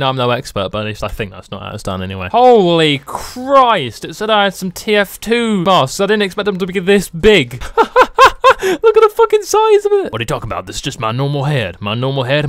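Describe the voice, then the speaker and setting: A young British man joking his way through a let's play, with goofy asides and sudden loud outbursts. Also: medium pitch, no echo. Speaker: gaming YouTuber.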